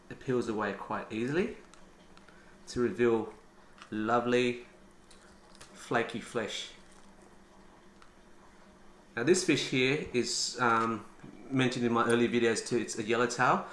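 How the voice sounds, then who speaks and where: A man hosting a casual cooking demonstration, chatty and relaxed with frequent ums. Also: mid-range voice, measured pace, roomy sound, a little hiss or hum. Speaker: cooking channel host.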